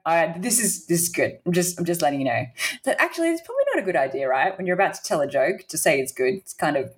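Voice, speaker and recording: A woman's voice: lowish voice, very animated, fast talker. A woman hosting a podcast, trading dad jokes in playful, giggly casual chat. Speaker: podcast host.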